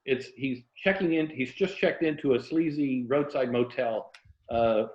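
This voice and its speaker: At a measured pace and medium pitch, a Tampa, Florida writer talks as an interview guest in a wry, self-deprecating manner. The American joins via an indoor video call with roomy, muffled sound, chatting casually and then reading an excerpt of his own novel aloud.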